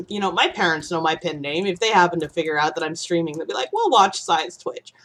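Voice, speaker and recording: A young Midwestern woman streams a game, her lowish voice fast and lively in intonation. She rambles casually, swears freely, and breaks into sudden panicked outbursts.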